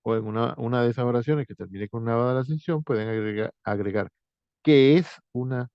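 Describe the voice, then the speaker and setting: A man teacher walking students through a writing exercise, thinking aloud with frequent pauses and restarts. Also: mid-range voice, smooth, dry recording, highs cut off.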